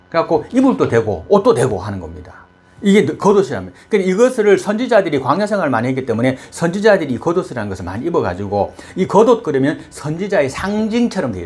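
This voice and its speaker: A man preaching a sermon in an animated way, jumping from loud high bursts to low murmurs and quizzing the congregation. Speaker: pastor.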